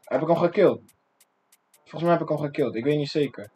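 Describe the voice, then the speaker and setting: A young man from the Netherlands giving excitable, slang-filled gameplay commentary, breaking into sudden yelps and shouts. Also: on the high side, a little fast, husky. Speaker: gaming streamer.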